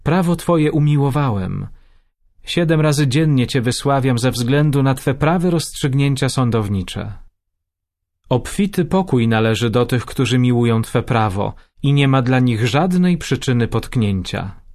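A man giving a measured, solemn scripted reading of scripture. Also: mid-range voice, lively intonation, darkish tone.

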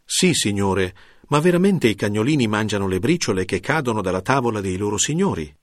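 Man reading a desperate grown mother begging for help, earnest scripture reading, low voice, dry sound. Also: very animated, brisk, no echo. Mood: pleading. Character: pleading foreign mother, a grown woman.

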